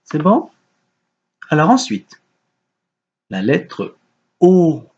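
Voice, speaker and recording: A man teaching young children a remote lesson, giving slow, patient, gentle instructions. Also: mid-range voice, lively intonation, vocal fry, husky, muffled recording. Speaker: kindergarten teacher.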